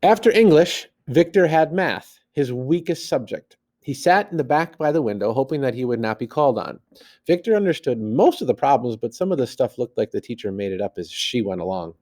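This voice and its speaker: Here a man reads a story aloud fairly quickly, his voice sitting at medium pitch. Like an animated teacher, he acts out the dialogue and throws in plain asides along the way.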